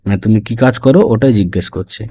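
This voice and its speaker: A man's voice: on the low side, very fast, warm tone, slightly rough. A man teaching a spoken language lesson, explaining phrase by phrase and often checking in with his listeners.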